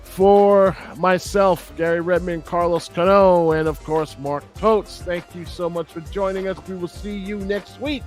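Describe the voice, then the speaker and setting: A man's voice: high voice, fairly even intonation, measured pace, hardly any pauses, faint music behind. A middle-aged man hosting a casual sports podcast, talking bluntly and with feeling and repeating phrases for emphasis. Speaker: podcast host.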